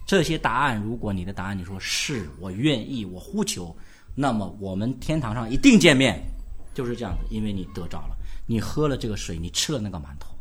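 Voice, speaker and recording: A male pastor preaching a sermon, throwing questions at the congregation in a lively, animated way. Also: fairly low pitch, brisk.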